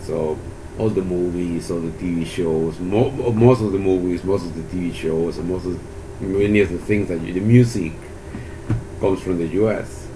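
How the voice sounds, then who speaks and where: A man in his sixties from Peru, a Spanish speaker answering oral history questions about his life in a halting way with many restarts. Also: low voice. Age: 60s. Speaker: interviewee, university economist. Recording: steady background hiss.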